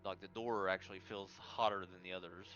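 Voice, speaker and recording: A very deep-voiced man runs a tabletop game with a forceful tone. He narrates haltingly over faint music, on slightly dull audio. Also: level tone. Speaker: game master.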